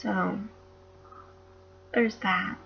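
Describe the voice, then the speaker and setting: Young woman, slight Northeastern US accent, gravelly and hesitant, casual home recording on a dull lo-fi computer mic. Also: mid-range voice, steady tone, drawn-out words, a little hiss or hum. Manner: hesitant, with many fillers. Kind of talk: casual home audio post and storybook reading.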